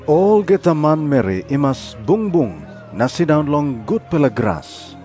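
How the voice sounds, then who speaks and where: A man with a Papua New Guinean accent playing a calm, authoritative religious teacher in a dramatised scripture reading. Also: on the high side, unhurried, soft background music. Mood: calm command.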